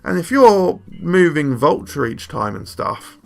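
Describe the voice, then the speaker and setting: A man's voice: on the high side, big pitch swings, unhurried, gravelly, soft background music. A young man hosting a casual card game review, jokey and rambling, often poking fun at himself. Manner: jokey, rambling, self-deprecating. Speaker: card game video host.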